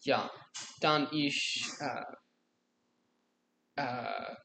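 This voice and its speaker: Hesitant nineteen-year-old from Alabama. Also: male voice, mid-range voice, steady tone, vocal fry, pushed and bright, echoey room, slight background noise. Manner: hesitant, halting, many fillers. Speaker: podcast guest. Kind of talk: casual interview answers.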